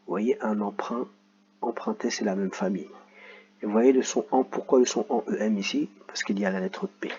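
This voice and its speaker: A man's voice: fairly low pitch, normal speed, a little mellow, husky, dull audio. A man teaching children a reading lesson, patiently spelling out sounds and letters.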